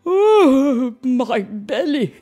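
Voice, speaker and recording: A woman's voice: sits high, animated, slow pace, faint music behind, voice pushed up. A woman voicing a pained male knight who turns into a dragon, wailing and hissing. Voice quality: wailing, shouting, then hissing.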